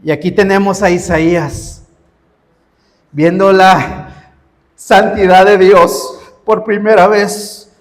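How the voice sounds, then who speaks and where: Pastor guy preaching slow, high voice, big echoey hall. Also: steady tone. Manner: preaching with rising, emphatic repeated cries. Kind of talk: sermon.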